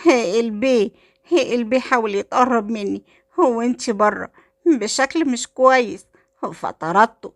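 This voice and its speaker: A woman voicing a scheming young wife with an Egyptian accent, sharp and indignant. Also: medium pitch, normal speed, pauses often, natural voice. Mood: fake tearful. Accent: Egyptian Arabic.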